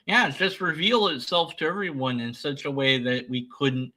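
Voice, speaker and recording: A man giving unscripted reaction commentary in a sardonic, dismissive manner with deliberate, emphatic phrasing. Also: a little high, sharp tone. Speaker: commentator debunking another person's video.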